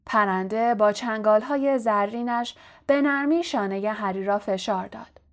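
A woman narrating an audiobook chapter in a calm, steady storytelling manner. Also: mid-range voice.

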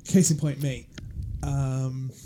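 A man's voice: medium pitch, flat delivery, slow, noisy background. A man with an Australian accent, hosting a casual podcast and reading history aloud in a laid-back, chuckling way. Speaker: podcast host.

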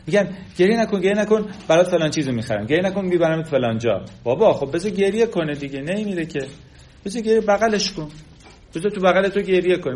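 A man's voice: mid-range voice, slight background noise. A man giving a lecture, talking directly to the audience and acting out the things people say. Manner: animated, acts out quoted speech.

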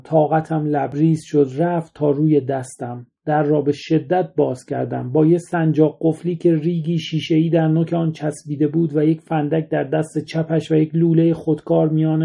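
A man's voice: on the high side, flat delivery, vocal fry, hardly any pauses, warm tone, breathy edge. A man reading a somber first-person short story aloud as its narrator.

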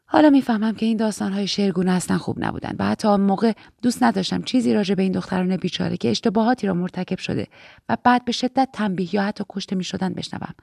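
Gravelly, mellow woman narrator. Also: medium pitch, no room sound, clean studio sound. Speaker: audiobook narrator. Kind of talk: scripted narration.

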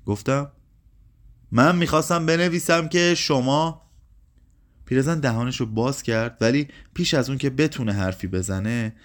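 A man narrating a literary short story in a calm, measured, subdued way. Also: on the low side.

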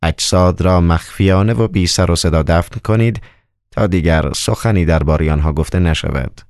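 A stern, anxious Roman governor, read by a man in a hoarse, extremely deep voice. He questions in a measured, formal, commanding way, close and dry on the recording. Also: a little mellow, dry recording.

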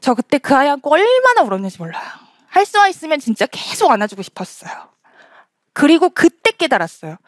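A woman speaking on stage in a storytelling talk, her voice set a little high and moving a lot in pitch. She acts out the quoted lines of the people in her story. The sound is close and dry. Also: sing-song, fairly quick, no echo.

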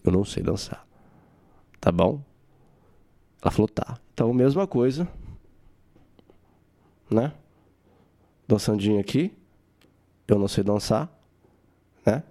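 A young man hosting a podcast, telling a personal story in a casual, animated way with some swearing. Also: mid-range voice. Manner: animated, swearing, acts out his own quotes. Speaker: podcast host.

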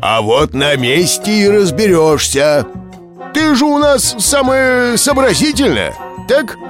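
A man's voice: sits high, very animated, takes it slowly, a bit bright, soft background music, heavily acted. A man voicing a friendly, knowing talking globe who guides travels in a children's cartoon, with playful, teasing explanations. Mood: sly, encouraging. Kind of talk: animated children's cartoon dialogue.

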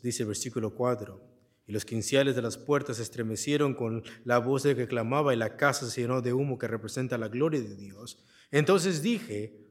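A male pastor delivers a slow, deliberate sermon in a church, taking his time over each phrase. He reads the scripture aloud and explains it verse by verse. He keeps asking the congregation questions and leaving the answer word for them to fill in. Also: mid-range voice. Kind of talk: Bible exposition sermon.

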